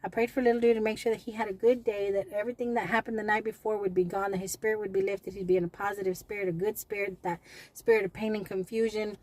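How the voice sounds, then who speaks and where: A woman's voice: mid-range voice, steady tone, fast talker, darkish tone. A middle-aged woman venting in a personal vlog, anxious and rambling, often repeating herself. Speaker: vlogger. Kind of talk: emotional personal vlog rant.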